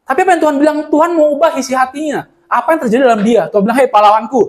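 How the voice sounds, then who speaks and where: A man's voice: very high-pitched, rapid-fire. Seorang pria muda berbagi firman di ibadah gereja dengan gaya santai, hidup, dan sering memerankan tokoh Alkitab dengan bahasa gaul. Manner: animated, acts out Bible scenes in slang. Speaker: church speaker. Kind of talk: casual sermon sharing.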